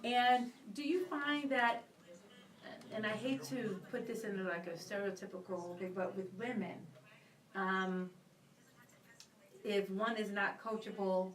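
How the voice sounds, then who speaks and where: With a medium-pitched voice and an unhurried pace, this live radio co-host laughs readily while chatting and posing long, meandering questions. She sounds far from the microphone, in a roomy space.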